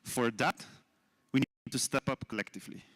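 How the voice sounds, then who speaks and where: A man's voice: medium pitch, moderate pace, a bit bright. Reflective man closing a conference. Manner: reflective, builds on repeated phrases. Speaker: conference speaker. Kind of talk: formal closing speech.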